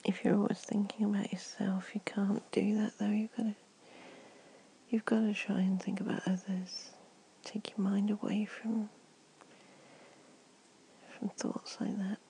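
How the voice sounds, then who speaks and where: A woman performs an ASMR comfort roleplay, mostly in a hushed, gentle whisper. She takes her time, letting the words come slowly, and her voice sits warm and mellow. A faint room hiss runs beneath her. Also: medium pitch, little pitch movement, vocal fry, low-quality recording.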